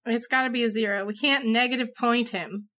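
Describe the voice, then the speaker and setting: A woman's voice: a little high, fairly even intonation, brisk, fairly bright tone. A woman with a Midwestern American accent co-hosting a podcast, chatting casually with dry quips. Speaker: podcast co-host. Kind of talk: casual chat.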